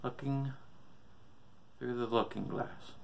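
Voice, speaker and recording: A sick old man played by a male narrator rants in a gravelly, creaking voice. He preaches doom with bitter, profane madness, as in a horror storybook. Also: mid-range voice, fairly even intonation, slow, a little hiss or hum. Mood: bitter, ominous. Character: ranting, sick old father gone mad with doom.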